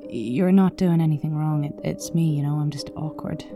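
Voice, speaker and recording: A woman voicing an awkward, insecure young man in an audiobook reading, low, hesitant and pained. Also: steady tone, normal speed, music in the background.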